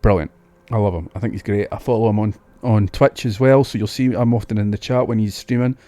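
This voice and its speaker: Speaking quickly with fairly even intonation, a Scottish man with a fairly low, mellow voice streams a game and chats about it casually, thinking aloud about what he sees and restarting words. A new studio mic gives clean sound with no room tone.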